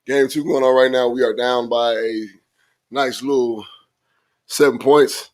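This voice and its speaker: A man with a hoarse voice that is coming back, co-hosting a casual sports podcast in a laid-back, rambling way. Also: medium pitch, fairly even intonation, measured pace. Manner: laid-back, keeps saying "you know what I'm saying". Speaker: podcast co-host. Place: at home in Phoenix.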